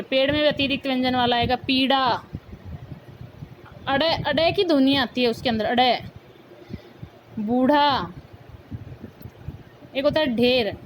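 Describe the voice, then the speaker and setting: A woman teacher giving a school grammar lesson, saying each word slowly and repeating it for her pupils. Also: high voice, a little hiss or hum, rough recording. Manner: slow, repeats words for pupils.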